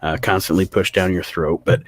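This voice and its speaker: A man's voice: low voice, level tone, normal speed, breathy edge, no room sound. A man co-hosting a podcast in casual, opinionated chat, reading viewer comments aloud. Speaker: podcast co-host.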